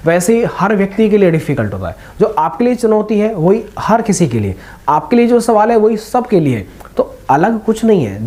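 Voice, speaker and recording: A young man with a high-pitched, darkish voice hosts a video of motivational advice for exam candidates. He speaks informally and reassuringly, calling his listeners brothers.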